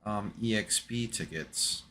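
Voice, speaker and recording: A man's voice: fairly low pitch, slow, sharp tone, a little hiss or hum. A man casually commentating a gaming livestream in a slangy, laid-back way. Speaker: streamer playing a horror game.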